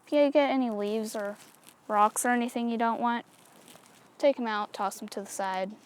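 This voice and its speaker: A woman's voice: on the high side, fairly even intonation, normal speed, clean tone. A woman casually talking through a hands-on craft demonstration, chatty and easygoing, with lots of little fillers. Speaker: craft tutorial host.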